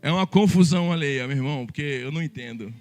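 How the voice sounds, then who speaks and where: A man preaching a sermon as the pastor, his voice sitting a little high for a man. He jokes with the congregation and turns to them often with questions. A soft guitar plays behind him. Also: fast. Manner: lively, joking preacher who addresses the congregation directly.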